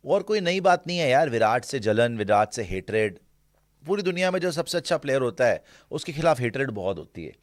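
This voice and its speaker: A man's voice: mid-range voice, very animated, fairly quick, no echo, studio quality. A man hosting a casual cricket talk show, blunt and opinionated, mocking critics.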